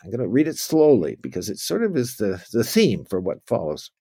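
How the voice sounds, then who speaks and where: A man's voice: lowish voice, huge pitch swings, a little fast, warm tone, breathy edge, dry recording. A man giving an informal history lecture, rambling with restarts and asides.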